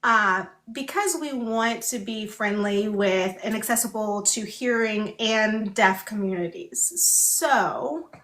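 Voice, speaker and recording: A woman hosting a casual livestream chat, signing while speaking, so her phrases come out halting and broken up. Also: mid-range voice, a bit bright. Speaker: book club host and ASL voice interpreter. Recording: echoey room.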